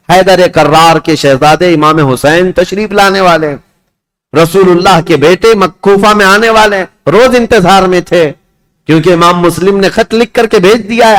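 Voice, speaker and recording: A man preaching a sermon, telling a story with passion and calling his listeners his dear ones. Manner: impassioned storytelling, rising pitch at climaxes. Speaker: Islamic preacher.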